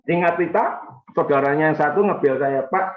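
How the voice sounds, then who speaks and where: A man preaching a sermon as a pastor, animated, with sudden jumps in pitch and volume. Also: moderate pace, reverberant, lo-fi sound, a little hiss or hum.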